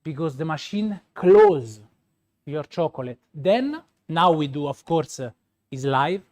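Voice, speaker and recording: A man's voice: on the high side, lively intonation, unhurried, a little mellow. A male pastry chef from Rome with a Roman Italian accent and Italian as his native language gives a live demonstration, searching for words and repeating points for emphasis. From Rome, Italy.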